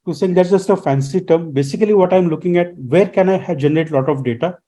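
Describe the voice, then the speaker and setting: As a guest expert on the radio, a man explains his subject, teaching as he goes and often posing rhetorical questions. His voice is high, deeply mellow and fast.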